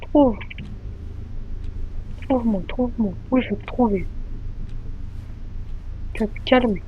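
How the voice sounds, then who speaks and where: A woman streams a video game and reacts with excitable exclamations. Her voice is fairly high and her talk unhurried. The dull, lo-fi mic carries a faint hiss. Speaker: gaming streamer. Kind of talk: gameplay commentary.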